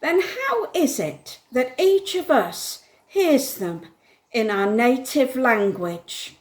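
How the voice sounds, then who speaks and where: A woman's voice: high-pitched, big pitch swings, slow, heavily acted. A woman reading an amazed onlooker in the crowd. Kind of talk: church Bible reading in parts.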